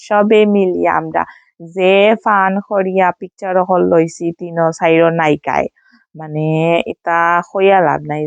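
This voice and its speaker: A woman's voice: on the low side, vocal fry, no echo, highs cut off. A woman from Sylhet, Bangladesh, with a Sylheti Bengali accent, chatting casually in a vlog voice-over and sprinkling in English fillers. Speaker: vlogger.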